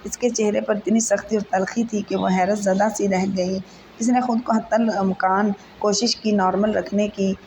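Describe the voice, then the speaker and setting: Woman reading a novel in a flat voice. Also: mid-range voice, slight background noise, low-quality recording. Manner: steady, even reading. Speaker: storyteller. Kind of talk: scripted novel narration.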